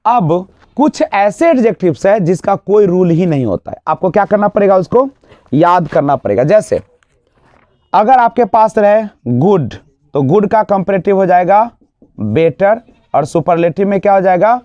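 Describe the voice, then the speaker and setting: A man teaching an exam-prep grammar lesson, asking the class questions and answering them himself, and drawing out example words slowly. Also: high-pitched, expressive, mellow, dry recording. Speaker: English teacher. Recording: dull, lo-fi dry sound.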